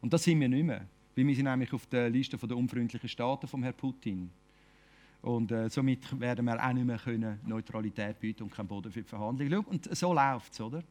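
A man's voice: medium pitch, a little fast, a little mellow. A man with a Swiss German accent preaching an informal sermon, talking conversationally and often ending phrases with a questioning tag. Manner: conversational, keeps asking "oder?".

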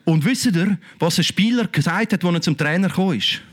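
A high-pitched middle-aged man preaching with a Swiss German accent. His delivery is fervent and exclamatory, full of cries of praise and rhetorical questions to the congregation. He speaks as a pastor in the middle of a sermon. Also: a little fast.

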